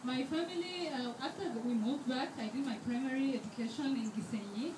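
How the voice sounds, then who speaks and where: A Rwandan woman in her twenties, a scholarship student, gives an earnest fundraiser speech in a high voice at a brisk pace, with many fillers and restarts. She holds the handheld mic too far away, so the event hall sounds echoey, distant, and noisy.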